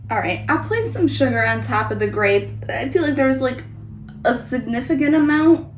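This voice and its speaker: A woman's voice: high voice, normal speed. A woman giving a casual, chatty food review as host of a taste test vlog. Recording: roomy echo, background noise.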